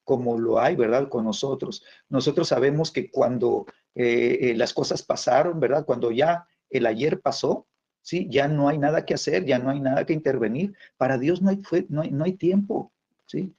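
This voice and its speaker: A man preaching a sermon in a halting way, full of fillers and tag questions. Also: mid-range voice, darkish tone. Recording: dull lo-fi sound.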